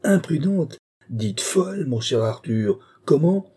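A man voicing a blustering, cowardly gentleman in an audiobook, agitated and indignant, insisting he fears nothing. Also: on the low side, lively intonation, brisk, slightly rough. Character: blustering, cowardly gentleman who claims no fear. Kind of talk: audiobook character voice.

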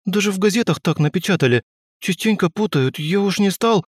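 A man's voice: high voice, animated, a little fast, breathy edge, no room sound, studio quality, voice pushed up. A man voicing a flustered, nervous detainee who pleads his innocence in fussy, old-fashioned speech. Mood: relieved.

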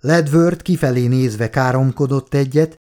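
Man, audiobook narrator, mellow dark voice, measured steady reading, scripted narration. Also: medium pitch.

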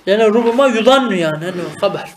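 A man gives a traditional grammar lesson, asking his students questions and then answering them himself. His voice sits high for a man. The recording rings with the echo of a bare room. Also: expressive, very fast, slight background noise. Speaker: teacher of Arabic grammar. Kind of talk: traditional madrasa-style lesson.

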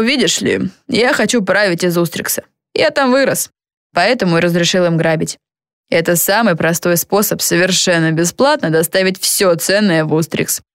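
A woman's voice: lowish voice, normal speed, dry recording, studio quality, lightly acted. A woman reading a scheming, boastful young merman villain in a smug, sneering tone.

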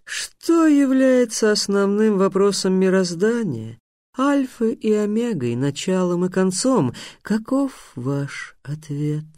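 A man voicing a smug, hungry male sphinx who teases with riddles, drawing his words out slowly. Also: sits high, sing-song, darkish tone, no echo, studio quality, voice pushed up, exaggerated voice. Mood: teasing. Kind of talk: audiobook character voice.

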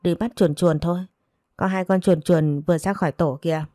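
A mad young wife babbling simply, like a child, as a woman narrator puts her on. The voice is low and mellow. This is a storybook reading. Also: fairly even intonation, a little fast, dry recording, clean studio sound, faint music behind, natural voice. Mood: childlike.

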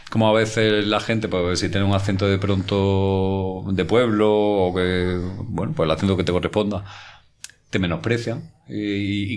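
A man co-hosting a casual interview, speaking enthusiastically with frequent restarts. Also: low voice. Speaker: podcast co-host.

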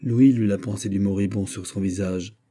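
A man narrating a classic novel in a measured, literary way. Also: lowish voice, steady tone, mellow, slightly rough. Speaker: audiobook narrator.

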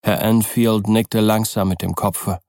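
A male audiobook narrator with a lowish voice, telling the story in a measured, even way. His pace is very slow and deliberate. The sound is close and completely dry. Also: no room sound.

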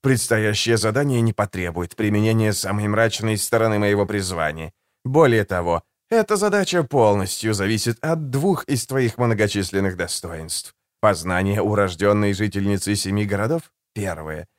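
A man reading an audiobook, voicing a suave, condescending male assassin in a soft, low, silky voice. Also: lively intonation, normal speed, few pauses, no room sound, studio quality, lightly acted. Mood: silky, ironic. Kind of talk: audiobook character voice.

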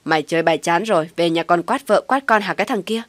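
A woman voicing a furious elderly father who shouts harsh insults at his son in a storybook reading. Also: lowish voice, fast talker, no echo, lightly acted. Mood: furious shouting.

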